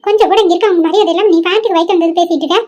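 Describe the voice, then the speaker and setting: A woman's voice: very high-pitched, steady tone, racing, darkish tone, lo-fi sound, voice pushed up. Woman voicing a reproachful old grandmother. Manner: reproachful, lecturing. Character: stern old grandmother, disappointed.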